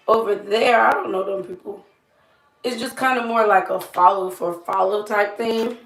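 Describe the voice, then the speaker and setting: A woman's voice: on the high side, a bit bright. A young adult woman with a strained, throaty voice, chatting casually and ramblingly as she does her makeup in a small room. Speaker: makeup vlogger. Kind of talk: casual chatty get-ready-with-me. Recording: roomy echo, light background noise.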